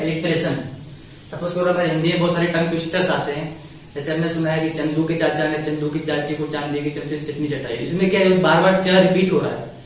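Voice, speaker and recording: A man teaches grammar in a measured classroom style, putting questions to his listeners and answering them himself. His voice sits a little high for a man. The room rings with heavy echo, and the mic is well away from him, with a faint hiss behind. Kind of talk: online lesson, code-switching explanation. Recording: echoey room, mic at a distance.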